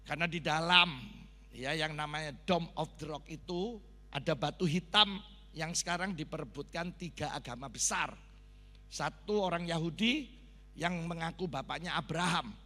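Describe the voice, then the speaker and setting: A middle-aged man with a Javanese accent, a pastor telling a sermon story with animated sound effects and Javanese asides. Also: a little high, moderate pace. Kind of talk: sermon testimony. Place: large church hall. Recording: long reverb of a church hall.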